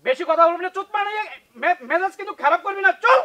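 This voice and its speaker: An actor with a Bangladeshi Bengali accent playing a boastful young husband who turns to shouting threats in a TV drama. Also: male voice, very high-pitched, quick pace, no echo. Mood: threatening.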